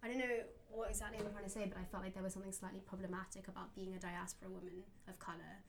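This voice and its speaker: A woman's voice: mid-range voice, level tone, rapid-fire, creaky, noisy background. A young woman in casual conversation as a guest, reflective and full of "like" and "um". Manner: reflective, many fillers like "like" and "um".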